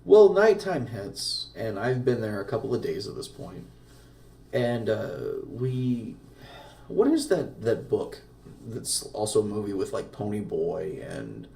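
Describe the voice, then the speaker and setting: Low gravelly guy rambling thru a story, lots of swearing, echoey room, kinda far from the mic. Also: big pitch swings, measured pace, mellow. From Arkansas. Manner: profane, rambling, low-key. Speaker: podcast host telling a story. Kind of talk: casual storytelling.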